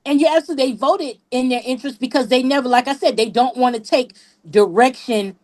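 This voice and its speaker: A woman's voice: high voice, a little fast, a little mellow. A woman talking on a live group chat, blunt and profane, repeating herself for emphasis. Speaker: panelist.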